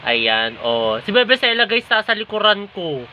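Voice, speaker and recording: A man from the Philippines chats casually into his phone camera while vlogging at home, addressing his viewers as guys over and over. The audio is dull and lo-fi, with steady background noise and the hum of household sounds clearly present. His delivery is loose and conversational. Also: high-pitched, a little slow. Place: at home indoors.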